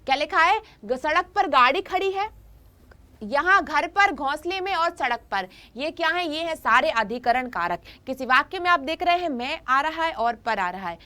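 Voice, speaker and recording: A woman's voice: high voice, lively intonation, moderate pace, pushed and bright. A woman teaching a grammar lesson in an online class, repeating her points and often checking in with her students.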